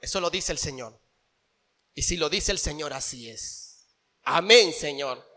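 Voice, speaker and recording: Impassioned high-voiced Venezuelan preacher. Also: male voice, animated, measured pace. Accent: Venezuelan Spanish. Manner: passionate preaching, swinging from loud proclamations to hushed storytelling. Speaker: pastor. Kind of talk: sermon. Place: church sanctuary.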